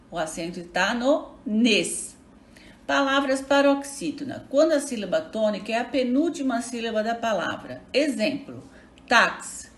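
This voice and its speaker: A woman's voice: medium pitch, roomy sound. Brazilian woman teacher reading out a lesson plan. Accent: Brazilian Portuguese. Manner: slow, deliberate, instructional, with small restarts. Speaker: primary school teacher.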